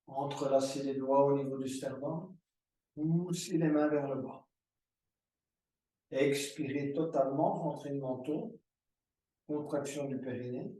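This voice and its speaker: A man teaching a yoga class, giving slow, calm breathing and movement cues. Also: mid-range voice, far from the mic. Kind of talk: guided yoga class instruction. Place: room recorded as an online class. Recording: roomy echo, voice from afar.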